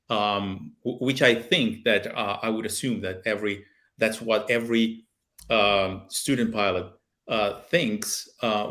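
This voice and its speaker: A man's voice: fairly low pitch, fairly bright tone. A man in his thirties from Brazil, speaking with a Brazilian Portuguese accent as a guest on a video call, earnest and full of fillers and restarts. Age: 30s. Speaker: guest pilot and aviation video maker. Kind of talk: casual interview on a video call. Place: small home office with a plane picture. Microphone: webcam video call.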